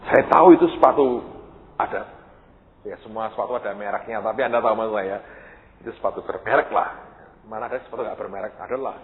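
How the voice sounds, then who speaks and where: A man preaches in a storytelling style, his lowish voice leaping up in pitch as he acts out the people in his tale. The sound is thin and phone-like, with a long hall echo and a faint hiss underneath. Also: fast. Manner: animated, acts out dialogue with sudden high-pitched outbursts. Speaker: pastor. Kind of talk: storytelling sermon. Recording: echoey hall, tinny lo-fi sound with faint noise.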